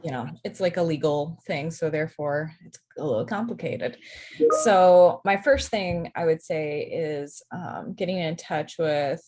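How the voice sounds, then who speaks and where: A woman's voice: sits low, measured pace, a little mellow, a little hiss or hum. A woman presenter talking casually about student housing on a video call, chatty with lots of fillers. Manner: chatty, lots of likes and ums. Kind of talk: casual workshop talk.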